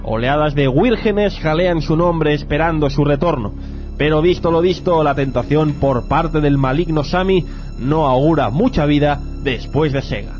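A man plays a pompous, fanatical radio host who treats everything as pure evil. His voice sits fairly high, over prominent music, and he declaims like a melodramatic exorcist in a comedy show. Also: moderate pace, natural voice. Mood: ominous, pompous. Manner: melodramatic, pompous, shouting like an exorcist when worked up. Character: hysterical fanatic male radio presenter turned exorcist. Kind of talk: mock-sensational comedy radio narration.

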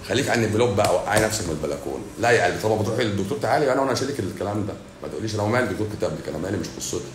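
A man's voice: on the low side, animated, rapid-fire, few pauses, roomy sound, a little hiss or hum. A man with an Egyptian Arabic accent, a doctor hosting a livestream who answers viewer comments in a blunt, sarcastic, scolding way.

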